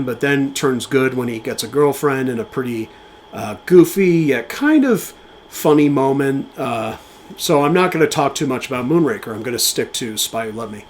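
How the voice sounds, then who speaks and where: A man co-hosting a podcast, speaking casually and with enthusiasm about film, with fillers and quick restarts. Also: medium pitch, slight background noise. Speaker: podcast co-host.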